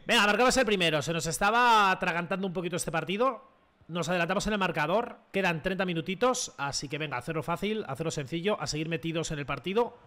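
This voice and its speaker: Excitable young man commentating a football game. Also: high voice. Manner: excitable, slangy, shouts at goals. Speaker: gaming youtuber. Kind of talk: live gameplay commentary.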